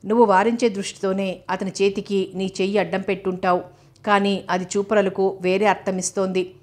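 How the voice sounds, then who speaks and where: A woman voicing a married older sister who gently gives advice in a measured, slow way. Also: medium pitch, little pitch movement, natural voice. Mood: advising.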